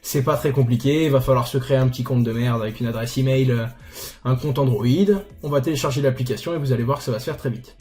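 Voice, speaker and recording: A man's voice: mid-range voice, steady tone, fast talker, darkish tone, soft background music. A young man hosting a casual screen tutorial, chatty and self-mocking, with crude slang. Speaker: YouTuber tutorial host.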